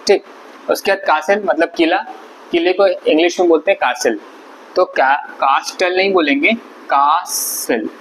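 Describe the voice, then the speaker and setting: A man with a fairly high voice teaches an English vocabulary lesson at a moderate pace, patiently explaining and repeating words syllable by syllable. The recording is rough, with faint background noise.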